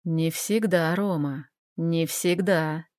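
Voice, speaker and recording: A woman voicing a menacing, calm middle-aged man who speaks slowly and mockingly. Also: smooth, no room sound, clean studio sound, lightly acted. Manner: slow, low, sneering.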